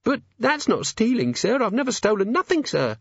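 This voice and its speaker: A timid young maid, as a male reader puts her on, her voice pitched far above his own and full of stammers and humble "sir"s. The sound is dull and dry, close to the mic. She speaks in plain servant's phrasing. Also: huge pitch swings, moderate pace, creaky, slightly rough, no room sound, full character voice. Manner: stammering, deferential, lower-class speech.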